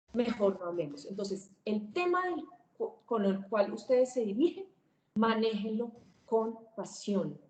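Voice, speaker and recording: A woman teaching a public speaking webinar, swinging her pitch, volume and pace to demonstrate. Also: darkish tone, echoey room, a little hiss or hum, rough recording. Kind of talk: webinar lesson.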